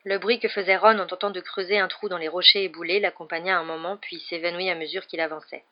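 An audiobook reader narrating a French novel in a steady, measured way. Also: medium pitch. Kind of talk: scripted narration. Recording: dull lo-fi audio.

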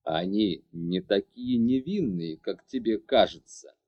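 A man voicing a brooding young mage who insists on justifying himself, low and heavy. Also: expressive, takes it slowly, highs cut off. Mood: bitter. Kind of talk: audiobook character voice.

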